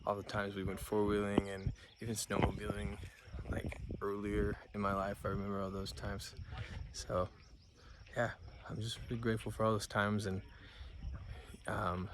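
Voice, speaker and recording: A young man with a lowish, flat voice talks casually and gratefully. He records outside in the mountains, and loud outdoor noise runs under his voice. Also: moderate pace. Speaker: grandson. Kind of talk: birthday video message.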